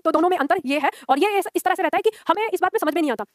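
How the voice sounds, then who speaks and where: Brisk high-voiced woman teaching grammar. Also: no echo. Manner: explains step by step, asks students checking questions. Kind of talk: classroom lecture.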